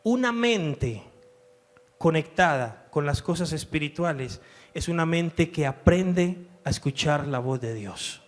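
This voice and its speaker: A man's voice: fairly high pitch, animated, slow pace, faint music behind. A man preaching a sermon as pastor, emphatic, acting out the inner voices he describes. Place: church.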